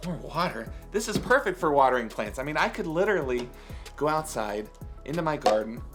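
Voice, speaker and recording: A man in his thirties hosting a children's science show with an excitable, theatrical manner, like a kids' party magician. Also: a little high, brisk, music in the background. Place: kitchen indoors.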